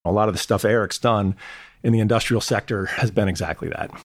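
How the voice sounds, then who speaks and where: A man's voice: lowish voice, a little fast, dry recording, studio quality. A middle-aged or older man giving conversational answers as an executive guest in an interview.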